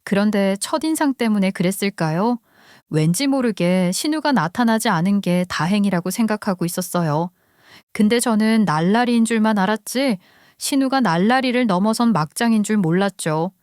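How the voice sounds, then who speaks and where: A woman's voice: mid-range voice, expressive, moderate pace, a little mellow, dry recording, clean studio sound. A woman narrating a first-person story in a conversational, confiding way.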